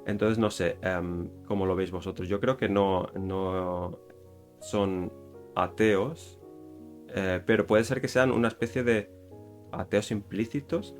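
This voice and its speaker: Rambling Spaniard with a lowish voice. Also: male voice, slow, faint music behind. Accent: Spain Spanish. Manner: rambling, with many fillers and self-corrections. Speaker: YouTuber explaining Japanese culture. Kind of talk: casual explanatory talk.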